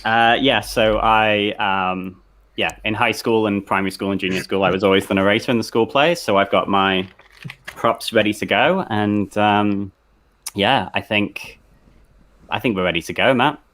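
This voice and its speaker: Male narrator for a table read, lower voice, relaxed and a bit hesitant, casual call chat. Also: moderate pace. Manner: relaxed, easygoing, with hesitant fillers.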